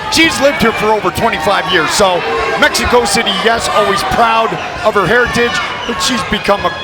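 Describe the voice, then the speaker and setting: Male play-by-play commentator, punchy phrases, raised pitch, big crowd behind him. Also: normal speed. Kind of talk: live sports commentary.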